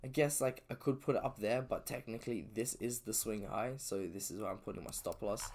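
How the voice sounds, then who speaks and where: At home, a trader streaming his session talks loosely through his chart, thinking aloud with fillers and self-corrections while sleepy and yawning. His voice is fairly low, a bit mellow, and brisk.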